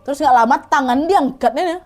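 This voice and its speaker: A woman's voice: high voice, brisk. A woman telling a horror story in a chatty, casual way, often speaking straight to her listeners. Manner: chatty, addresses listeners directly.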